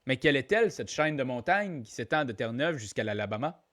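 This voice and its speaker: A man's voice: medium pitch, big pitch swings, fast, fairly bright tone. A man with a Québécois accent hosting a live online trivia game, playful and joking, repeating each question aloud and calling out players. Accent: Québécois French. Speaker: trivia quiz host.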